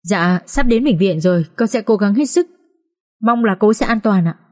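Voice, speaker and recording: A woman's voice: mid-range voice, animated, normal speed, a little mellow, close to an everyday voice. A woman voicing an anxious, devoted young man who speaks urgently. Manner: urgent, pleading.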